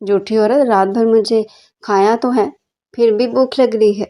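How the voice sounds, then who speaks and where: A woman's voice: fairly high pitch, fairly even intonation, dark tone, natural voice. A woman reading as a teasing young husband. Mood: sleepy teasing. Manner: teasing, affectionate.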